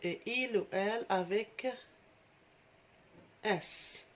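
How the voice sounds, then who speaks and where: A woman's voice: mid-range voice, a bit bright. A woman teacher, patiently taking young pupils through a French lesson and explaining in Arabic. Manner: patient, slow dictation, switching into Algerian Arabic to explain. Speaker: primary school French teacher. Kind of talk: classroom lesson for children.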